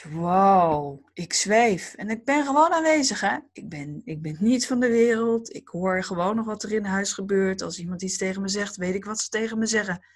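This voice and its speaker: A woman giving a spiritual talk to a group, speaking slowly and calmly in a dreamy, reflective way. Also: on the low side, husky. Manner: slow, calm, dreamy and reflective.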